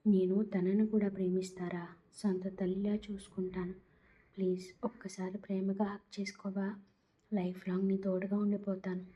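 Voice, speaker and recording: A woman's voice: mid-range voice, little pitch movement, normal speed, lo-fi sound, natural voice. A woman voicing a drunk, lovesick young woman who pleads in a slurred, giggly way. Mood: pleading. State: tipsy.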